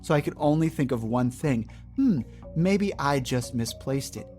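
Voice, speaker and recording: A man's voice: medium pitch, animated, a little slow, a little mellow, faint music behind, natural voice. A man voicing a sarcastic shopkeeper in a mockingly polite customer service voice during a tabletop role-play, with veiled menace. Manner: mock-cheerful customer service voice.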